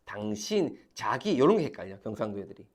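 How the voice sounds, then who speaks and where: Animated teacher. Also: male voice, fairly low pitch, brisk. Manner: emphatic, repeats key terms, calls on students. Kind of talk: classroom lecture. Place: classroom.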